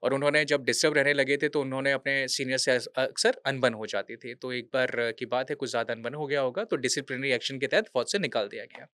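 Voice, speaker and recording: A man's voice: medium pitch, steady tone, fast, hardly any pauses, pushed and bright, dry recording. Earnest man telling a story, dry sound. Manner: earnest storyteller, mixes English words into his speech. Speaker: podcast guest, veterans' charity worker. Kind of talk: storytelling in a conversational interview.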